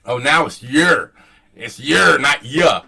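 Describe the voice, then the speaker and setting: A man's voice: medium pitch, lively intonation, slow pace, creaky, bright, forceful tone, breathy edge, distant mic, poor audio. A man hosts a casual, rambling commentary on online exchanges in a mocking, profane manner. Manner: mocking, profane, chuckling at his own jabs. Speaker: host.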